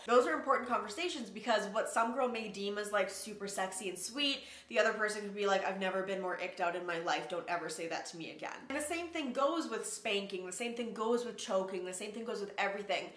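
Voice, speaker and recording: A woman's voice: mid-range voice, a bit bright. A woman in her twenties talking frankly and casually as a sex-education vlogger, with lots of "like" fillers. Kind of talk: casual educational vlog talk. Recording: roomy echo.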